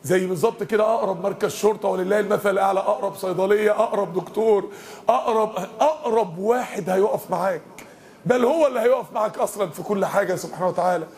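A man's voice: high-pitched, quick pace, darkish tone. A man with an Egyptian accent giving an impassioned mosque lesson and speaking straight to his listeners. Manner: impassioned, addresses the crowd directly. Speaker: preacher.

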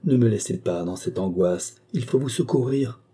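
A man's voice: mid-range voice, moderate pace, dark tone, breathy edge, close to an everyday voice. A man reading an audiobook, voicing a frail elderly marquis who speaks anxiously and imploringly. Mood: frightened.

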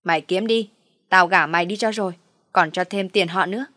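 A woman's voice: on the low side, brisk, bright, forceful tone, dry recording, studio quality. Woman voicing a scornful spoiled young wife. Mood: teasing. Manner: scornful, snappy retorts. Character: sharp-tongued spoiled pregnant young wife.

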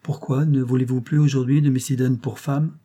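A noble young princess in hiding speaks with solemn, declamatory devotion, read by a man in an audiobook. The voice is mellow and darkly toned, with a slightly husky grain. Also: medium pitch, flat delivery, a little fast, natural voice. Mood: earnest. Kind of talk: audiobook reading.

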